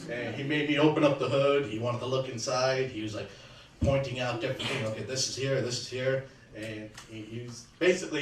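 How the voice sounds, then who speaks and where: Man giving a halting, earnest eulogy. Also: fairly low pitch. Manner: earnest, halting, with frequent restarts. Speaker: eulogy speaker, son-in-law. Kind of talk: personal remembrance speech. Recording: echoey room, distant mic, faint background hum.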